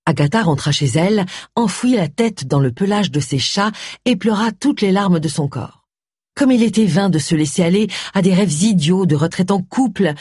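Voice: mid-range voice, a little mellow, husky, no echo, studio quality. A reader narrating a story expressively, giving each character a voice. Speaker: audiobook reader. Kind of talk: scripted narration.

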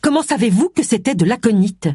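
Un lecteur de livre audio prête sa voix à une détective d'une cinquantaine d'années, nerveuse et prompte à s'emporter. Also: female voice, on the low side, fairly quick, dark tone, husky, no room sound, studio quality, voice pushed up. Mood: tendue. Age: 50s. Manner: tense, emotional outbursts. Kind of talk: audiobook character voice.

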